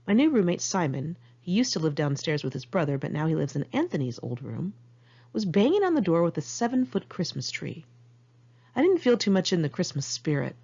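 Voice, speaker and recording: Here a woman from the Los Angeles area narrates her memoir in the first person, all in one take, with a candid, conversational, sardonic edge. Her low, mellow voice carries a breathy edge and is very animated, and she talks fairly quickly over dull-sounding audio.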